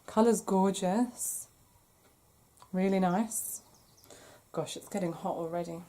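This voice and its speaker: A woman hosting a crochet podcast, chatting casually to camera with a croaky throat she keeps clearing, apologetic and self-deprecating. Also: mid-range voice, slow pace, dark tone. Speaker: podcast host.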